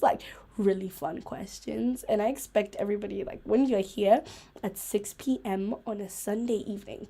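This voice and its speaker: A young woman hosting a casual solo live stream chat, rambling through tangents with lots of "like", giggling and getting excitable. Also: mid-range voice. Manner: rambling, full of "like", tangents and self-interruptions.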